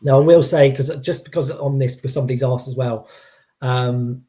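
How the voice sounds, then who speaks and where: A man's voice: medium pitch, fairly even intonation, a little fast, warm tone. A man giving an informal expert explanation, hesitant, often restarting and qualifying his points. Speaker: employee engagement consultant as guest.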